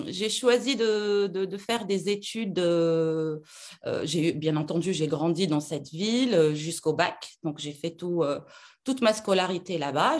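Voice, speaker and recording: A middle-aged woman from Algeria, a lawyer being interviewed, talking with many fillers and restarts. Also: on the low side. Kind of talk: casual interview talk.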